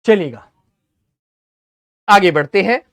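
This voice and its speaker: Teaching Hindi grammar for an online exam-prep class, a man speaks slowly in a high, expressive, somewhat bright voice. He asks his students questions, answers them on his own and calls them son and brother.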